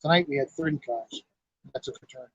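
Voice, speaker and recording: A middle-aged man with a fairly high, husky voice speaks a little fast and easily, in a folksy style, during an outdoor interview at an evening car show. He owns a garage and is president of a car club; there's no room sound, but the live stream is dull and lo-fi.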